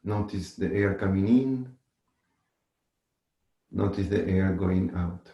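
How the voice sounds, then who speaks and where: Guy doing guided meditation, really slow and mellow, roomy echo. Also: low-pitched, dull audio. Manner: measured, instructive, with long pauses and gentle repetition. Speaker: meditation teacher. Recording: echoey room.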